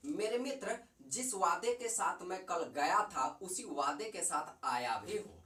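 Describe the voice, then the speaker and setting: A man's voice: sits high, expressive, unhurried, sharp tone, reverberant, far from the mic, a little hiss or hum. A man with a Bihari accent teaching a chemistry class in a chatty, repetitive way, quizzing the viewer as he goes. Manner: chatty, repeats and quizzes the viewer, mixes in dialect. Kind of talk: casual classroom lecture.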